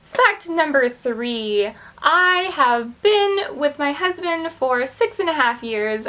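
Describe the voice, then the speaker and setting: Chatty woman in her twenties, a touch high. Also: fairly bright tone. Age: 20s. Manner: chatty, candid, self-deprecating. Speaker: book vlogger. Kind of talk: casual talk to camera.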